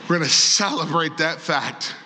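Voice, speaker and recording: A man preaching a sermon as pastor, building to loud, impassioned passages and calling out to the congregation. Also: fairly high pitch, animated, moderate pace, in a large hall, a little hiss or hum. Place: church sanctuary.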